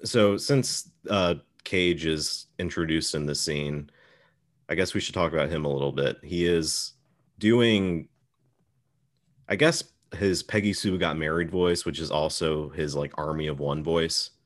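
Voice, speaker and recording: This podcast host has a rumbling low voice and speaks a little slowly. He talks through films casually, as if chatting with a friend.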